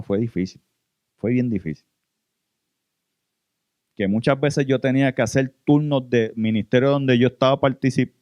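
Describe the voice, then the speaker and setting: A man's voice: mid-range voice, dry recording, lo-fi sound. A man with a Puerto Rican accent preaching an earnest sermon testimony, often addressing listeners as brothers. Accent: Puerto Rican Spanish. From Puerto Rico.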